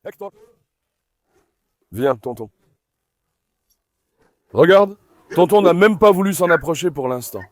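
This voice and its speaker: A man hosting a dog vlog, giving running commentary to viewers and repeatedly calming his dogs with soothing commands. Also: fairly high pitch, slow, long pauses, dry recording. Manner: talks directly to viewers as friends. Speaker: dog owner and channel host.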